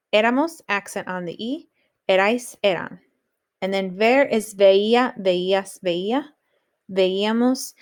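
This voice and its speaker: A woman teaching a recorded lesson on Spanish grammar, explaining rules steadily and reading example sentences aloud. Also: mid-range voice.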